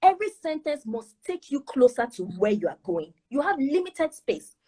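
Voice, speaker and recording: A woman's voice: sits high, sing-song, moderate pace, a little mellow. A Nigerian woman giving admissions advice on an online show, emphatic and full of rhetorical questions. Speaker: guest speaker on admissions.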